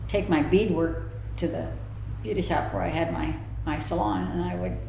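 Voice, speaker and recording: A woman's voice: deep voice, sing-song, moderate pace, gravelly, mellow. An older woman answering interview questions in a plain-spoken, informal way, often letting her sentences trail off. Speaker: interviewee, festa cake maker. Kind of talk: casual oral history interview. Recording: echoey room, faint background noise.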